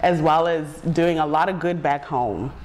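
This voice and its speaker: A woman's voice: low-pitched, normal speed, darkish tone. A woman from Zimbabwe, co-hosting a casual talk show and laughing often. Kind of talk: casual chat. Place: bright living-room studio set.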